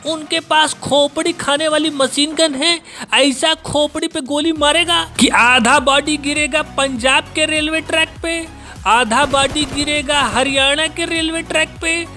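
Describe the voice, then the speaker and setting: A man voicing a calm female inner conscience who gives mock-wise advice. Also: very high-pitched, unhurried, soft background music, heavily acted.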